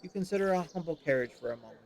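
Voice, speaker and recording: A man streaming himself as he reads a story game aloud, expressive but with small slips. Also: a little high, very fast, gravelly. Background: game music.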